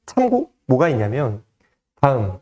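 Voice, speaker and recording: A man's voice: mid-range voice, measured pace. A man teaching math, explaining an exam problem step by step in a conversational way and often asking his students questions. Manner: lively, conversational teaching with frequent rhetorical questions. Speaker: math tutor. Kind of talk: exam solution lecture.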